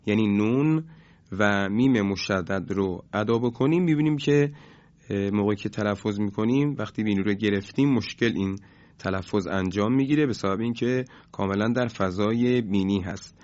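A man teaching a recorded lesson on Quran recitation, explaining in a measured way with hesitant fillers. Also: on the low side, a little mellow. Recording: dull lo-fi recording.

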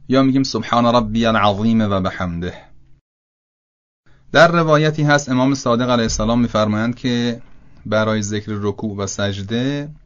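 A man from Iran giving a lesson on correct prayer recitation, reciting Arabic phrases slowly and carefully as examples. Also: mid-range voice, dull audio. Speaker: religious teacher. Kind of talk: instructional talk on prayer recitation.

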